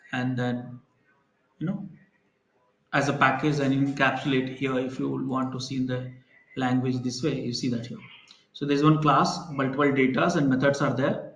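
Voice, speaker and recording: The roomy recording captures a man with a medium-pitched, fairly bright voice teaching a live online programming class. He illustrates ideas with everyday examples and keeps checking in with students.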